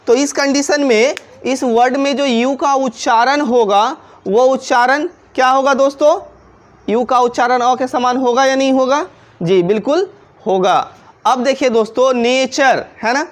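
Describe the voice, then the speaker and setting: A woman with a Hindi accent teaching a pronunciation lesson, spelling words out letter by letter and putting questions to her viewers that she answers herself. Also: fairly high pitch. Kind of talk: classroom-style video lesson.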